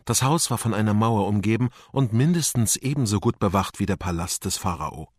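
Male audiobook narrator, expressive, husky, dry close sound. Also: on the low side, a little fast, dry recording. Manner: expressive storytelling.

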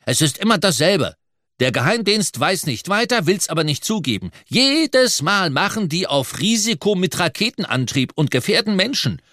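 A man's voice: high-pitched, very animated, normal speed, bright, forceful tone, no room sound, studio quality, voice pushed up, exaggerated voice. A man voicing an indignant young sidekick ranting in anger in an audiobook. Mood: furious. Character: furious young male sidekick. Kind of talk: audiobook character voice.

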